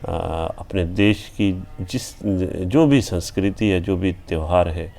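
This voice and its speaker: Indian man, channel host, deep unhurried voice; rhythmic verse recitation with repeated refrains and plain chat between. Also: a little mellow. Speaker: channel host reciting his own poem. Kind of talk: poetry recitation with spoken commentary.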